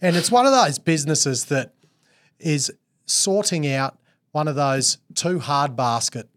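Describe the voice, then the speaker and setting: An Australian man co-hosting a casual mining podcast, loud and jokey, slipping into race-caller bursts. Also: on the high side, expressive, unhurried. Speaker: podcast co-host. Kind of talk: casual chat.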